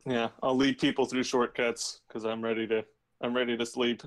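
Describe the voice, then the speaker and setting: A man's voice: mid-range voice, little pitch movement, moderate pace, slight background noise. A man talking casually as a player in a tabletop role-playing game.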